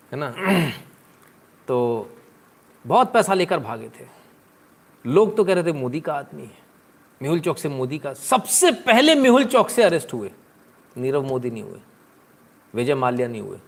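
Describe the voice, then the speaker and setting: A man giving live political commentary on a stream, sarcastic and chatty, answering viewers' comments as he talks. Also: medium pitch.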